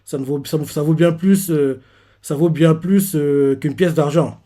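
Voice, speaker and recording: A man's voice: on the high side, steady tone, measured pace, dark tone, close to an everyday voice. A man voicing a cool, aloof young male swordsman with a dismissive manner, read from a comic.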